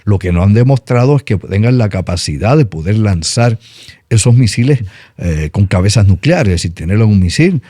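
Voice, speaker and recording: Emphatic Puerto Rican man, dark dry voice. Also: fairly low pitch, fairly quick, no room sound. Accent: Puerto Rican Spanish. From Puerto Rico. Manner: animated, emphatic explainer. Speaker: news commentator. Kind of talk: casual political talk.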